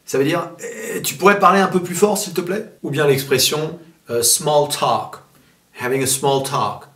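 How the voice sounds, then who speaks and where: A man giving a casual English lesson, speaking in a relaxed way with many fillers and switching into English example sentences. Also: a little high, unhurried, roomy sound. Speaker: English teacher.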